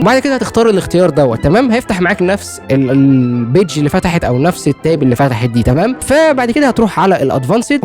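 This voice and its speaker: Fast high-voiced Egyptian man with a cold. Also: a little mellow. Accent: Egyptian Arabic. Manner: keeps asking "right?" after each step. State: has a cold. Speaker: tech tutorial host. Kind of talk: screen-recorded software tutorial.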